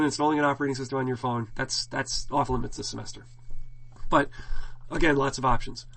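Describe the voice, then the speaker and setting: A man's voice: mid-range voice, creaky. A middle-aged male college instructor with a scratchy throat, giving a casual, rambling classroom lecture full of fillers and restarts.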